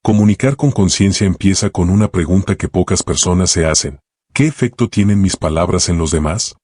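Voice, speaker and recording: Low-voiced, husky man for calm self-help audiobook narration, measured phrasing, dry close sound. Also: no echo. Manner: calm, measured delivery in short reflective phrases.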